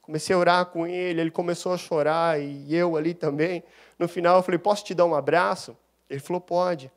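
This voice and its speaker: A man preaches in church, his voice sitting a little high for a man. He tells his testimony with lively storytelling and takes on the voices of the people in it. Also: brisk. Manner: animated storyteller, acts out dialogue. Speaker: deacon preaching a sermon. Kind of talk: sermon with personal testimony.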